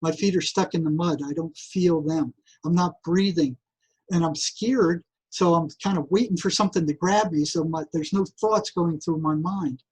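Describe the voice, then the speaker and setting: In a casual interview, an older guest psychotherapist spins a lengthy tale in a somewhat high, breathy voice at normal speed, often starting over. He performs the voices of characters with lots of energy, though the recording itself is poor.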